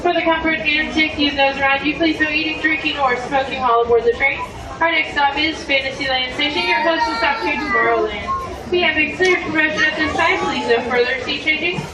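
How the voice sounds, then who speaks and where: A woman giving a scripted safety announcement over a train loudspeaker, with clear, measured instructions. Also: high-pitched, recorded from a distance, noisy background. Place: open-sided train at a busy outdoor station. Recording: echoey loudspeaker heard from afar in a crowd.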